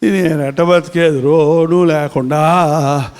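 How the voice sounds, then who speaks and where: A man voicing a grieving village widow who wails in a drawn-out lament for her dead husband. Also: on the high side, steady tone, a little mellow, clean tone, big-room sound, voice pushed down. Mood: wailing grief.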